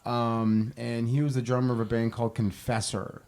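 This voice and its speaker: A man from a band chatting casually, pausing often with ums as he searches for names. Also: medium pitch, little pitch movement, darkish tone. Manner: hesitant, lots of ums. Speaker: band member guest. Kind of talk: casual chat.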